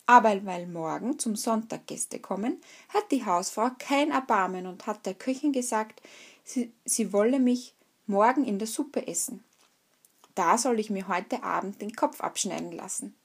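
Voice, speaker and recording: A woman voicing a proud, loud-crowing rooster in a spoken fairy tale. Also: medium pitch, animated, moderate pace, slightly rough. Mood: indignant.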